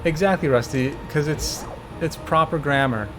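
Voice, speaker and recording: A man's voice: a little high, normal speed, music in the background. Laid-back young man coaching a speedrun. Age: 20s. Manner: relaxed, explains step by step, laughs often. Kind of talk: casual gameplay chat.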